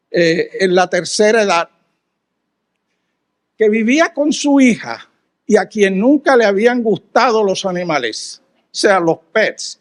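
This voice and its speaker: A man preaching a sermon, telling a story in an animated way, with pauses and repeated words. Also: high voice. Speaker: guest preacher.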